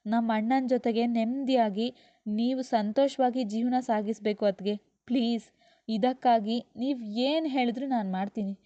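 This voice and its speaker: A woman's voice: fairly high pitch, fairly even intonation, moderate pace, dark tone, no room sound, natural voice. A woman voicing a proud young wife who turns tearful and pleading, in a dull lo-fi recording. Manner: pleading, emotional.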